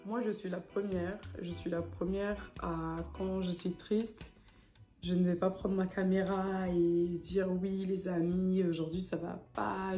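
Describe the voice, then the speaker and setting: A young woman from French Guiana talks casually to her camera, pausing often with fillers. Her voice is mellow and slightly low, and she speaks slowly. The room is echoey. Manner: hesitant, many fillers. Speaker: vlogger.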